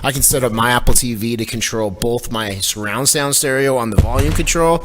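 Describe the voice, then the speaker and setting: A man's voice: mid-range voice, a little fast, noisy background. A man co-hosting a casual tech chat show, rambling and joking with frequent laughs. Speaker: podcast co-host.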